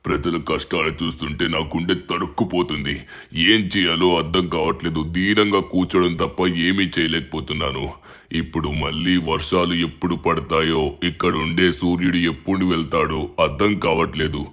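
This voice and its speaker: A man voicing a weary, grieving older male president in a fan-dubbed game story, slow and mournful. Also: low-pitched, fairly even intonation, fairly bright tone, voice pushed down.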